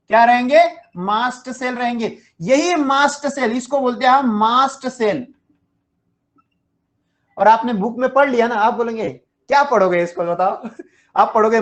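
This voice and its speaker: A woman teaching a biology lecture to exam students, asking questions and answering them herself, and chuckling now and then. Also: fairly high pitch. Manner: chuckles while explaining. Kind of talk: online exam-prep lecture.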